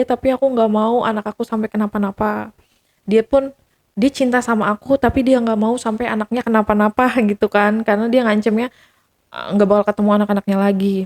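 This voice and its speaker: A woman's voice: mid-range voice, fairly quick. A woman guest telling a personal story in casual speech, acting out the quoted dialogue with energy. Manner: animated, acts out the quoted dialogue.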